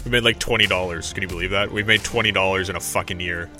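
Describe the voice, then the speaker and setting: A man's voice: low voice, steady tone, quick pace, pushed and bright, faint music behind. A young man hosting a podcast, telling rambling, profane stories in casual chat into a studio mic. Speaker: podcast host. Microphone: studio mic through a mixer.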